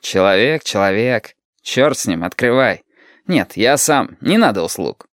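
A man's voice: medium pitch, lively intonation, measured pace, a bit bright, no room sound, clean studio sound. A man voicing a cynical, mocking young man in an audiobook, with a sneering manner.

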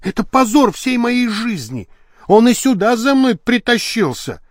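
A man's voice: very animated, unhurried, dry recording, clean studio sound, full character voice. A man reading an audiobook, voicing a fiery young actress who loathes her husband, in a raised, exclaiming voice. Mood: indignant. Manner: shrill, exclaiming. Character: hot-tempered actress, young woman, hates her husband. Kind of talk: audiobook character voice.

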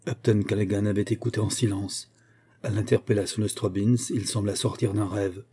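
A man reading an adventure story aloud in a measured, even storytelling manner. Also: lowish voice, slightly rough. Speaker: audiobook reader. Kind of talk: scripted narration.

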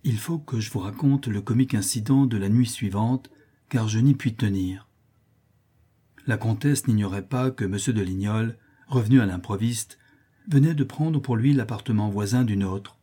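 A man reading a classic novel aloud as an audiobook narrator, in a measured literary manner. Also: fairly low pitch, mellow, breathy edge. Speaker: audiobook reader.

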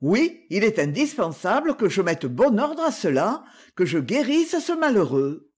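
Reader voicing a gentleman, storybook, calm, mocking, husky, slow, lively pitch. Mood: musing. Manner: brisk and commanding, then muttering to himself. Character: calm, mocking male gentleman in a night chase. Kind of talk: audiobook reading.

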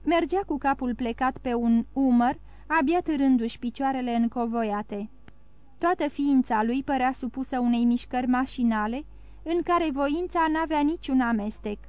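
A woman narrating an audiobook in a steady, even storytelling manner. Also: high voice, dry recording. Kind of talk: scripted narration.

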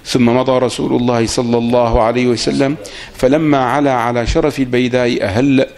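A man reading a classical Arabic religious text aloud in a lesson, pausing while his teacher comments. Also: mid-range voice, level tone, darkish tone. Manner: reads steadily, pauses for the teacher's comments.

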